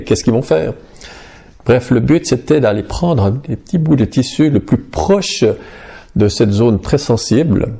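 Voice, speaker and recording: A middle-aged man gives a personal healing testimony, with a gravelly, mellow timbre sitting fairly low. He speaks earnestly and haltingly, often restarting his phrases. He sounds like a believer recounting his own story.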